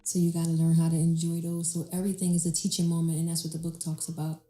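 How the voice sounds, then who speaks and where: A woman who runs her own business, talking in a relaxed, reflective way as an interview guest. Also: low-pitched, quick pace, soft background music. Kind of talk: casual interview chat. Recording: roomy echo.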